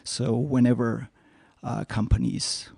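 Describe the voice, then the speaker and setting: A man in his fifties from Armenia, a guest in an interview, answering in a halting way with many pauses and lists. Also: mid-range voice, little pitch movement, creaky, darkish tone, husky, no room sound, clean studio sound. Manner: halting, many fillers and restarts, listing points. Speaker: guest, startup advisor.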